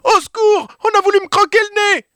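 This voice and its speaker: A man's voice: mid-range voice, normal speed, bright, forceful tone, dry recording, clean studio sound, close to an everyday voice. A man doing a timid frightened little boy. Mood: panicked. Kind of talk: children's story reading.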